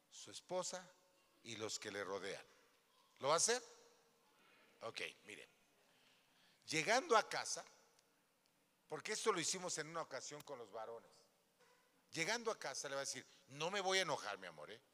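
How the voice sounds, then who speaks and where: A man's voice: a little high, pushed and bright. A man pastor preaching a sermon in a church, throwing questions at the congregation and acting out little scenes. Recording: long hall reverb.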